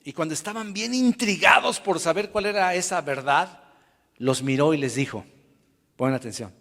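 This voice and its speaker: A man delivers a dramatic sermon in a high voice, dropping to near whispers and then rising to shouts. He calls his listeners brother. His voice carries a long reverb, as if in a church hall. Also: moderate pace. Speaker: preacher.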